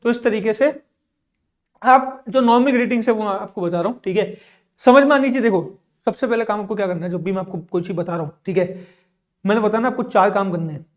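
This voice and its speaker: A man's voice: high voice, quick pace. A male English teacher leads a video lesson. He keeps asking questions and answering them himself, and he says "ठीक है" again and again to check that students follow. He repeats each word twice so the class can copy him.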